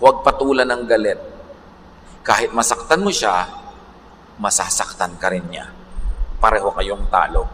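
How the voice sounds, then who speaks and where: A man pastor preaching a sermon, moving between Tagalog and English and slowing down to read scripture. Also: lowish voice, fairly bright tone. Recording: echoey hall, faint background noise.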